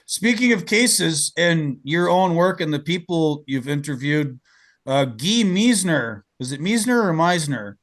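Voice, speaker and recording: A man's voice: a little high, expressive, unhurried, fairly bright tone. A man hosting a podcast, talking emphatically in casual conversation, often repeating words and saying "like". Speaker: podcast host.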